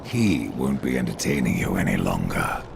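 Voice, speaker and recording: Death, a gravelly grim horseman. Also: very deep voice, animated, normal speed, background noise, heavily acted. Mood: cold. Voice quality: dry, sardonic, gravelly. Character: grim male horseman of death, sardonic and cold. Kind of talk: game cutscene voice acting.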